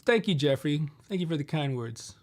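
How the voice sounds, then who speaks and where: A middle-aged man with a slightly high voice, speaking at a normal speed, hosts a live guitar Q&A stream from his home studio. He's relaxed and rambling, working through viewer questions loosely with plenty of fillers and detours in a casual live-stream chat.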